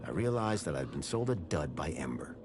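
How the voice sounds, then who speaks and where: A man's voice: rumbling low, sing-song, a little fast, loud music behind the voice. A man playing a wry, persistent adventure game hero, no longer young, with a dry conversational delivery. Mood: reflective. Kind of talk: video game voice acting and first-person narration.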